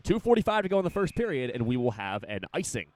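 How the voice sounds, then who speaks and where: A young man calls a college hockey game play by play in a quick, running patter. His voice climbs when a shot goes toward the net. He names each pass as it happens. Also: medium pitch, dry recording. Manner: rapid, rising excitement on big plays. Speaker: play-by-play announcer. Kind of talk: live hockey play-by-play commentary.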